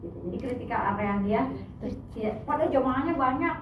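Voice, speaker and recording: Woman teaching a class, chatty and lively, kinda high voice, far away in an echoey room, tinny phone-ish sound. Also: fairly quick, background noise. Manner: chatty, animated, acts out soothing patient instructions. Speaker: hypnotherapy trainer. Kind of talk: casual classroom lecture.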